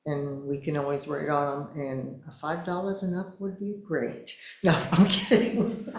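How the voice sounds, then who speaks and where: A woman's voice: low voice, steady tone, moderate pace, a little mellow. A woman making informal, casual comments at a public meeting. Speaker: community member at town meeting. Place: indoor public meeting room. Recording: echoey room with background noise.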